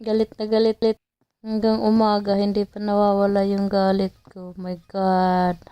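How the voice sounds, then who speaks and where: Young Filipina mom, Cebuano accent, unhurried rueful self-mocking vlog talk, dry close sound. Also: female voice, medium pitch, monotone, dark tone, clear, resonant tone, dry recording. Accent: Filipino, Cebuano-speaking. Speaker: mother vlogger. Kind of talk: casual vlog monologue.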